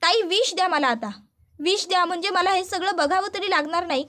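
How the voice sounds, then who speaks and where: A woman's voice: very high voice, fairly quick, a bit bright. A woman voicing a distraught young bride-to-be in a storybook retelling, with pleading, accusing outbursts. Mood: angry.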